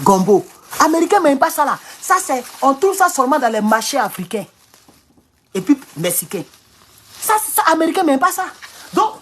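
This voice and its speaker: A man from Ivory Coast with an Ivorian French accent, giving an animated, casual political monologue at home, repeating phrases and chuckling often. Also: high voice, slight background noise. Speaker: political commentator. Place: at home in his kitchen.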